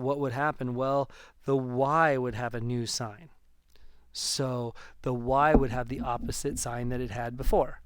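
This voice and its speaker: Male math teacher, recorded video lesson; smooth, resonant voice, dry close sound, casual jokey delivery with bursts of speed. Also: medium pitch, no room sound. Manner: chatty, jokey, talks straight to students.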